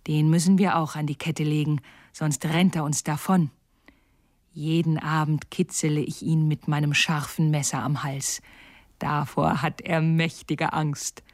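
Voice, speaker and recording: A woman's voice: low-pitched, fairly even intonation, normal speed, darkish tone, dry recording, clean studio sound. A woman voicing a wild, fierce little robber girl in a storybook, blunt and teasing, at times whispering. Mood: boastful.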